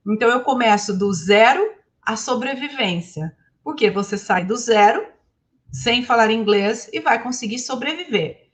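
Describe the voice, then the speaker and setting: Woman, from Brazil, native Portuguese speaker, English teacher, high voice, animated talk to an audience. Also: normal speed. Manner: animated, asks the audience questions.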